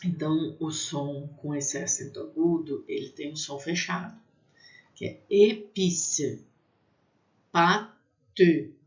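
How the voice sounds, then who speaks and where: A teacher giving a pronunciation lesson, spelling out letters and repeating each word slowly. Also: medium pitch, steady tone, highs cut off.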